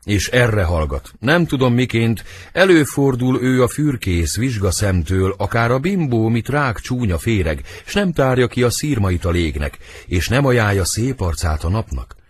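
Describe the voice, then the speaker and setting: A man reading the part of Montague, a worried noble father, in measured, husky verse for an audiobook. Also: mid-range voice, very animated, slight background noise, natural voice.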